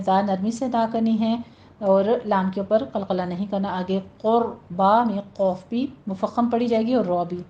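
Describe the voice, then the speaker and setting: Woman teacher explaining recitation rules, warm dark tone, slow drawn-out examples, lo-fi recording. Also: mid-range voice. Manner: patient, instructive, drawn-out demonstrations. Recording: dull lo-fi audio.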